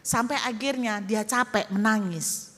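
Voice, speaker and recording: A woman pastor preaches in a lively storytelling style, often turning to speak straight to her congregation. Her voice sits high and bright. It rings out into the long echo of a church hall. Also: unhurried. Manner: lively, addresses the congregation directly. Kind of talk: storytelling sermon.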